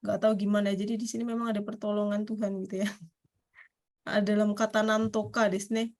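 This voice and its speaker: A woman teaching a Japanese class in a chatty, casual way, laughing often and reading example sentences out slowly. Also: mid-range voice, little pitch movement, darkish tone. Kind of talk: casual online class explanation.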